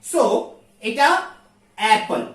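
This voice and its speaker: A woman teaching an English grammar lesson, repeating each sound slowly to drill it. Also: a little high, very animated. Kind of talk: explaining grammar in a video lesson. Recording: echoey room, far from the mic.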